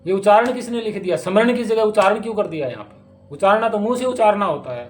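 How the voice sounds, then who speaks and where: A man with a notably high voice delivers a spiritual discourse on scripture. He speaks emphatically and keeps asking pointed rhetorical questions. Faint instrumental music plays underneath. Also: lively intonation, fast. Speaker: spiritual teacher.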